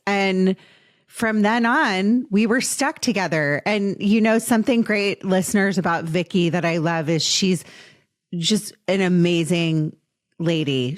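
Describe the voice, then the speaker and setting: A woman in her late twenties hosting a podcast interview, speaking earnestly and affectionately to her guest. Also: fairly low pitch. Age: late 20s. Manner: earnest and affectionate, slow in emotional moments. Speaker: podcast host.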